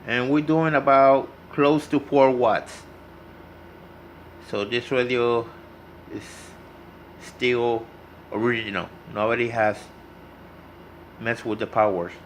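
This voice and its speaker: This medium-pitched male voice comes with slight background noise. A hobbyist who repairs radios demonstrates his work in a casual, practical tutorial, giving straightforward instructions and saying them again as he goes along.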